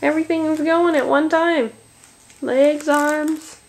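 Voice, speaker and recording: A woman talking softly to her baby as a parent, in slow, cooing, encouraging baby talk. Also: sits high, fairly even intonation, a little hiss or hum, rough recording.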